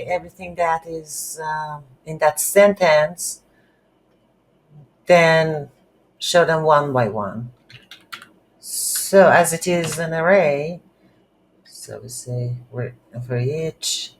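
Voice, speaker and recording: Slow, halting and thinking out loud as he types, this game development instructor narrates an unscripted coding tutorial at a medium pitch. The setting is a noisy room where typing can be heard.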